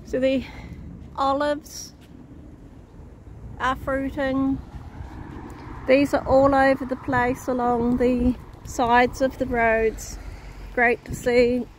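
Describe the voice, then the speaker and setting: A woman vlogging outdoors while walking her dogs, chatting in an easy, unhurried way to viewers and her pets, recorded on a handheld phone. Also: sits high, flat delivery, slight background noise. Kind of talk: casual walk-and-talk vlog. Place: outdoors on suburban streets. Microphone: phone camera held while walking.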